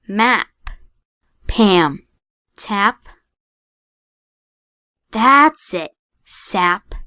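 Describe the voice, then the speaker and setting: Slow, cheerful woman app narrator. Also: mid-range voice, a bit bright, no echo, clean studio sound. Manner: cheerful praise and slow, careful sounding-out of letters and words. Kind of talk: recorded app prompts for a children's phonics game.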